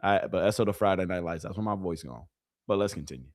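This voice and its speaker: Talking fast in a low pitch, a man runs a live watch-party stream, animated with his chat and repeating catchphrases, his voice worn hoarse from yelling.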